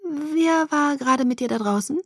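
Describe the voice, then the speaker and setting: A woman's voice: high-pitched, moderate pace, no room sound, studio quality, voice pushed up. A woman reading a worried, stern young female vampire who questions her friend reproachfully, in an audiobook.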